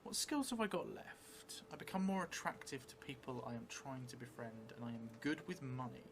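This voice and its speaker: His medium-pitched voice hesitant and contemplative, a middle-aged solo role-player and streamer thinks aloud with long pauses as he improvises a tabletop game by himself. He's at a table in an indoor theatre room, and the clear audio has steady noise in the background.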